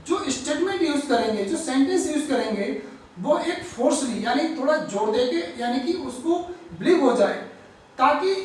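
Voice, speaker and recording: A woman teaching English grammar, explaining slowly, repeating words and stressing each example sentence. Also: high-pitched, a little mellow, slight background noise. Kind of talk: grammar lesson. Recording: echoey room, far from the mic.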